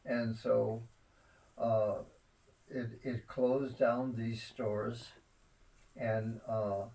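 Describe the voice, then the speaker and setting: An elderly man reminiscing in a rambling grandpa way about family history, halting often and repeating his words. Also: medium pitch, flat delivery, creaky, mellow, far from the mic, poor audio. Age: 70s or older.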